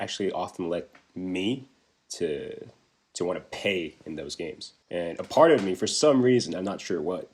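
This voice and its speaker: Over a remote video call at home, a young Taiwanese business development manager casually answers interview questions. He speaks in a low-pitched, darkish voice and is chatty, full of fillers and restarts.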